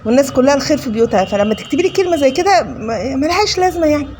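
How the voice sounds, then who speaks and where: Egyptian woman cooking vlogger, rapid-fire, slightly high voice, scolding tone, faint noise behind. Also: lively intonation, a little mellow. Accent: Egyptian Arabic. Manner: scolding, preachy; addresses viewers as "kids". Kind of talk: casual chat while cooking.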